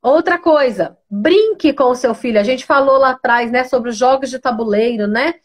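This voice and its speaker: A woman, a pedagogue, giving parenting advice in a live-streamed interview, often tagging her sentences with a questioning "né" and pausing to greet viewers by name. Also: high voice. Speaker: pedagogue guest.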